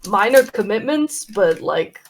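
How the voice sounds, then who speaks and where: A woman's voice: mid-range voice, animated, a little slow, slight background noise. A woman chatting casually while playing a tabletop role-playing game, rambling with fillers and laughs.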